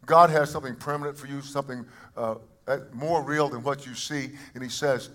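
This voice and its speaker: A man preaching a sermon to a congregation, shifting between quiet asides and loud emphatic calls and often restarting his phrases. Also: mid-range voice, steady tone, brisk. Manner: repeats words and restarts phrases. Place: church service before a congregation.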